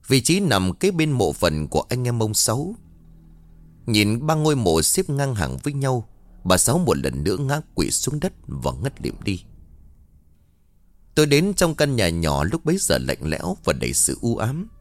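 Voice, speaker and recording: A man's voice: on the low side, huge pitch swings, moderate pace, no echo. A man narrating a scripted horror story in a somber, dramatic way. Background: faint music.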